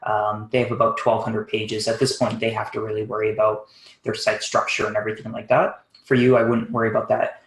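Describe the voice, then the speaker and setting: A man with a low, fairly monotone voice walks through a website audit live on a video call. He talks quickly and casually, thinking aloud with frequent ums. The sound is roomy, with noticeable echo. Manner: fast, casual, thinking aloud with many fillers. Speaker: SEO consultant. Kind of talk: live webinar screen-share audit.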